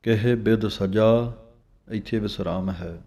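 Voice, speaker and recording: A man teaching scripture recitation. He chants verses slowly with pauses and gives plain spoken instructions on pronunciation. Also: on the low side, fairly even intonation, vocal fry, a little mellow.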